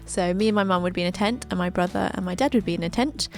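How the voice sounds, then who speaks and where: A woman's voice: on the low side, quick pace, faint music behind. A woman, narrating her own life story with chatty, joking asides. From England. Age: 20s. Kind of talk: scripted narration over a drawing video.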